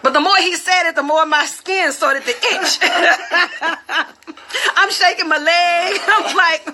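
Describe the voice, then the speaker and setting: A woman hosting a casual live-stream chat, playful and quick to laugh, greeting her viewers by name. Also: very high-pitched, steady tone, background noise. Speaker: host.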